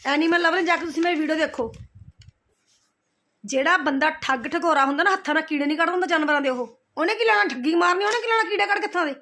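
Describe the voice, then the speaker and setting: A woman's voice: extremely high pitch, fast, pushed and bright. A middle-aged woman, ranting straight at the camera, scolding and confrontational, repeating her points. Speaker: vlogger replying to roasters. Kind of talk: heated direct-to-camera rant.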